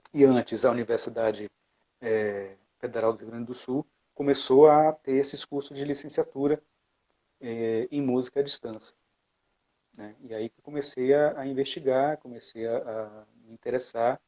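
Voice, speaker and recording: Heard through dull audio, this man's mellow, medium-pitched voice stays steady at a normal speed. Originally from Bahia in Brazil, he talks casually as an interview guest about his career in music education, thoughtful and full of fillers and restarts.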